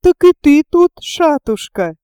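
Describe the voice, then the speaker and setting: Woman playing a giddy, babbling young woman, childlike and timid, high bright voice, audiobook. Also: measured pace, dry recording, clean studio sound, soft background music. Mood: gleeful. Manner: playful, babbling, easily frightened.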